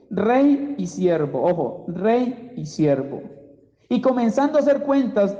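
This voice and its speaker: Male preacher teaching scripture, unhurried and deliberate, mellow tone, heard through a dull, muffled recording. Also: extremely high pitch. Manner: slow and emphatic, repeats key words. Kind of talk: Bible teaching sermon. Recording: dull, echoey hall recording.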